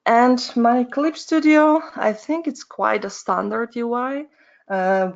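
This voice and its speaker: A woman walks listeners through her painting process in a webinar, speaking at a middle pitch. She explains things slowly and carefully, pausing to find her words. The sound is dull and lo-fi, like online meeting audio. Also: creaky. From Poland. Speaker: concept artist giving a webinar. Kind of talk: webinar presentation.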